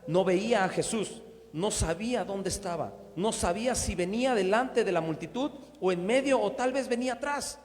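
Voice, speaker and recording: A man's voice: high-pitched, moderate pace, a little hiss or hum. A man preaching a sermon, often checking in with the congregation. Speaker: pastor. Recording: long hall reverb with faint instrumental music.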